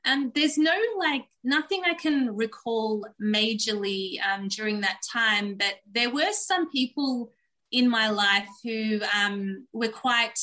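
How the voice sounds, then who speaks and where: Speaking slowly in a fairly high, sharp voice, a Turkish-speaking woman from Australia shares her life story on a podcast, candid, earnest and reflective as the interview guest. The recording is rough.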